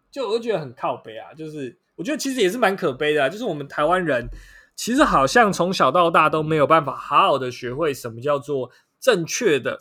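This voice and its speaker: A man's voice: on the high side, sharp tone. A young man with a Taiwanese Mandarin accent hosting a casual solo podcast, blunt and rambling, swearing freely with lots of fillers. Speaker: podcast host.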